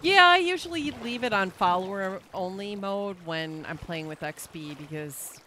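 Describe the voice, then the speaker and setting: A woman chatting casually as co-player on a game stream, cheerful and quick to react. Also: medium pitch, lively intonation, bright, forceful tone, a little hiss or hum. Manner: cheerful, quick to gasp and laugh. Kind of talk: casual gameplay chat.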